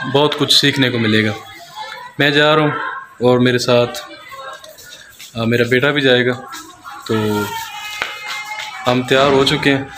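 A man in his thirties chatting casually to his phone held at arm's length, relaxed and hesitant, dropping in pious phrases. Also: medium pitch. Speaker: vlogger. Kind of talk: casual vlog to camera. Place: outdoors at night by a house. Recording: phone recording with noisy street ambience.

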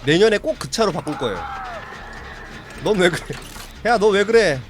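A man's voice: high voice, animated, normal speed, soft background music. A man chatting casually with his viewers while streaming a horror game, reacting to the play and answering chat.

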